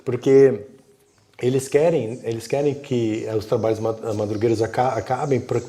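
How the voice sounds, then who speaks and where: Speaking at a normal pace in a medium-pitched voice, a man with a Brazilian Portuguese accent shares a story as a livestream guest. He's animated and performs the quoted dialogue himself in a casual way.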